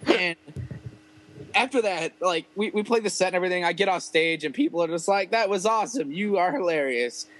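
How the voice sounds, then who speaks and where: A man's voice: high-pitched, fairly quick, a bit bright, low-quality recording. A man casually telling a rambling, profane story about playing a show with his rap group, full of fillers.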